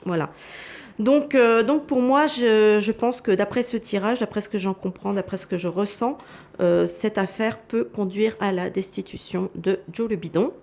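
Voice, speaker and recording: A woman's voice: medium pitch, normal speed, gravelly, darkish tone. A woman giving a casual tarot reading, talking hesitantly with many fillers and restarts, confiding asides to her viewers. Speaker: tarot reader.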